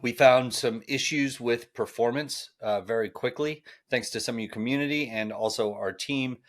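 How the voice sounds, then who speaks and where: A man's voice: mid-range voice, moderate pace. A man hosting a casual podcast, friendly and rambling with lots of fillers. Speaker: podcast host.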